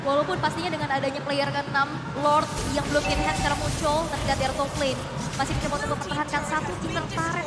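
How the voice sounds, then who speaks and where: Female esports caster, energetic fighting game announcer, quick pace, very high voice, loud crowd. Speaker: esports shoutcaster. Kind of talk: live game commentary. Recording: loud music and crowd behind.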